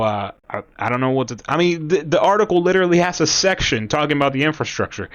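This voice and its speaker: A young man born in Cuba talks casually to his viewers, rambling and halting, and sometimes reads aloud from an article. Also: fairly high pitch, highs cut off. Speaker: commentator. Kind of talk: casual talk to camera.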